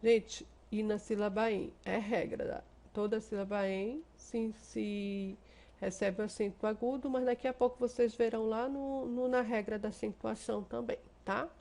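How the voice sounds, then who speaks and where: A Brazilian woman teaching a class. She explains step by step, keeps checking that her students follow, and draws out the example words slowly. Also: on the high side, steady tone, vocal fry, dark tone. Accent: Brazilian Portuguese. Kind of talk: remote class lesson.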